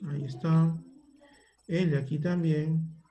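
Male teacher with a Peruvian Spanish accent, patient, walks the class through each step on a video call, slightly higher voice. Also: steady tone, slow pace, mellow. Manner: patient, thinks aloud while working the screen. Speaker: computer teacher. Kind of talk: online class, guiding a word-processing task.

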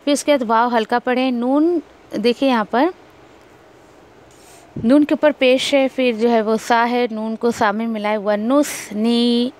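A woman from India gives a recitation lesson in a slightly high voice. She walks through the rules with patience and repeats each sound slowly so learners can copy it. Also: fairly even intonation. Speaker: Quran recitation teacher. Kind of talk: tajweed lesson, explaining and modelling recitation.

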